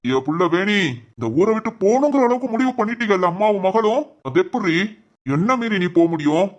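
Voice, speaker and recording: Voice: medium pitch, expressive, brisk, highs cut off, lightly acted. A voice actor playing a stern, scheming male village head in a cartoon drama who barks orders. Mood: menacing. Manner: commanding, barking orders.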